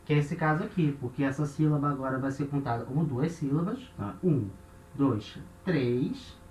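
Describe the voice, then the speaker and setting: Patient man teaching in an echoey room. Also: mid-range voice. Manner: patient, steady explanation with many "né?" and "tá?" checks; slows down to spell out and repeat word forms. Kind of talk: recorded lesson explaining grammar. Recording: echoey room with faint noise.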